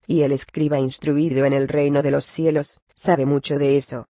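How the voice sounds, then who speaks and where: A man reading religious commentary and scripture passages aloud at a measured, even cadence. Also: on the high side, no room sound. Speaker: reader of a religious text.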